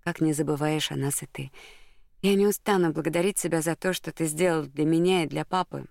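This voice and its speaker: A tearful, eager young woman in love, as an audiobook reader puts her on, raised and emotional, with a gravelly edge and dry close sound. The voice lifts high when excited. It reads like a heroine in a romantic audiobook. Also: brisk, no room sound, natural voice.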